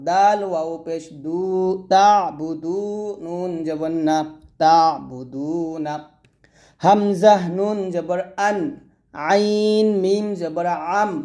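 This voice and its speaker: A man teaching Quran pronunciation, slowly spelling out letters and vowel marks syllable by syllable, with quicker asides to his students. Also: high voice, darkish tone. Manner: slow, syllable-by-syllable drilling with brief asides.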